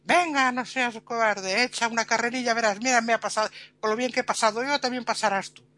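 A woman's voice: on the high side, fast, bright, forceful tone, dry recording. A woman voicing a bold, boastful bean in a told folk tale. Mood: bossy.

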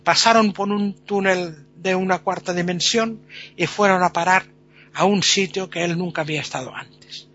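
A man telling a folk tale in a lively, chatty way, full of fillers. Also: high voice, moderate pace, lo-fi sound. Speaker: storyteller.

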